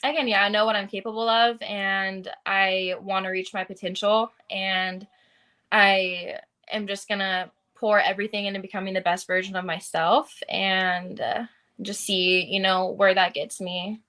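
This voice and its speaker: A woman's voice: mid-range voice, flat delivery, measured pace, sharp tone. A young adult woman fighter answering interview questions in an earnest, casual way, with frequent fillers.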